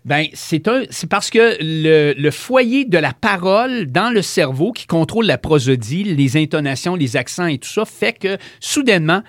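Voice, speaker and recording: A man's voice: fairly high pitch, moderate pace, few pauses, no echo, clean studio sound. A man with a Quebec French accent, co-hosting a talk show and explaining a science topic in a casual, rambling way. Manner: explanatory, many fillers and restarts, lively.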